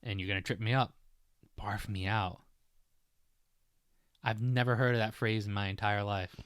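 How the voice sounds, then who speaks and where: A man in his thirties co-hosting a casual podcast, easygoing and quick to laugh as he guesses the meanings. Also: on the low side, fairly even intonation, a bit bright, clear, resonant tone, no echo, studio quality. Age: 30s. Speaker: podcast co-host.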